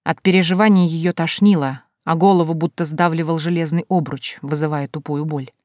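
A woman reading an audiobook as narrator, in measured storytelling narration. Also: sits low, steady tone, darkish tone, no echo. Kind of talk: scripted narration.

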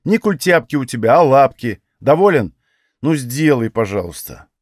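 A man voicing a whiny, teasing young man in a higher voice. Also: very animated, moderate pace, dry recording, clean studio sound. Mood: whining.

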